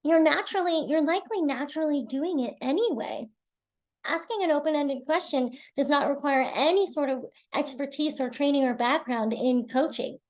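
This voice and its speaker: Woman, webinar presenter, fairly high voice, earnest, encouraging, repeats for emphasis, video call mic. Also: moderate pace, darkish tone.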